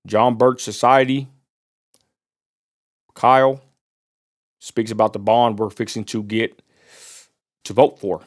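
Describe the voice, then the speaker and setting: A West Texas man hosts a livestream, ranting casually in a blunt, profane way. His voice sits fairly low and stays level, and he talks slowly with frequent pauses.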